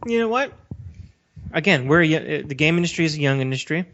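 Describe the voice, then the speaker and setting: This podcast co-host has a fairly high, expressive, slightly bright voice and talks fast, arguing his opinions in a casual discussion about video games. The recording is dull and lo-fi.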